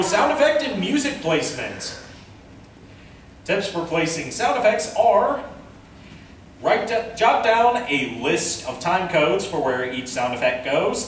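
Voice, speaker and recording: At an indoor convention, a man presents an instructional panel talk, casually walking through how-to steps one by one. Recorded from a distance in a very reverberant room with faint background noise, his voice sits at an ordinary middle pitch and sounds a bit bright.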